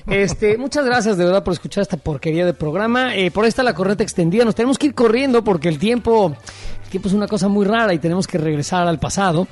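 A man's voice: sits high, fast, soft background music. A man with a Mexican accent co-hosting a podcast, joking and slangy in casual comedy chat. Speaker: podcast co-host.

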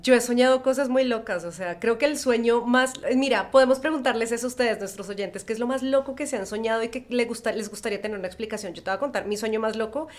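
A woman co-hosting a casual podcast. Her voice sits a little above the usual pitch, and she tells stories with plenty of "like" fillers and vivid expression. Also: quick pace, hardly any pauses. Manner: expressive storyteller, many filler phrases. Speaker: podcast co-host.

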